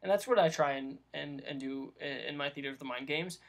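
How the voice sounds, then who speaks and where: Brief: male vlog host, light higher voice, loose unscripted talk full of fillers, camera mic. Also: fairly quick, creaky. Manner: rambling, many ums and restarts. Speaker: vlog host giving dungeon master advice. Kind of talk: casual unscripted explanation.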